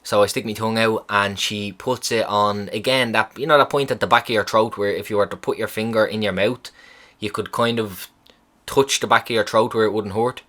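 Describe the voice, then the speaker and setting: A young podcast host with a low voice briskly tells a story about a hospital visit, swearing freely. He animatedly acts out what people said in a casual, profane retelling.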